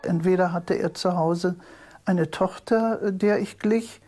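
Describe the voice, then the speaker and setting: An older woman speaks in a somewhat low voice in a studio interview. She recollects personal experience as an eyewitness, unscripted. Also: slow pace, dark tone, faint music behind.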